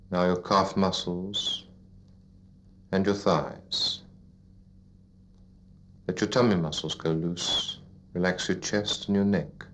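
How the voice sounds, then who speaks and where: A man guiding a listener into sleep as a hypnotist, in a soothing, repetitive, deliberate narration with pauses, like a sleep story narrator. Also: sits low, fairly bright tone, slight background noise. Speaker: hypnotist leading a relaxation induction. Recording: dull lo-fi recording.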